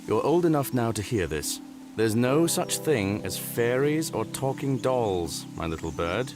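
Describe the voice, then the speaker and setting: A man voicing a stern but gentle father in a video game, a rational man of science, lecturing earnestly and with measured words. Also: medium pitch, very animated, over music. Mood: gently firm. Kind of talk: dramatic video game voice acting.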